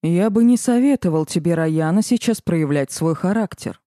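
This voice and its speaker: A woman voicing a gruff, angry male sorcerer in an audiobook, with curt, growling lines. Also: lowish voice, expressive, moderate pace, mellow, no echo, clean studio sound, lightly acted. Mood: stern.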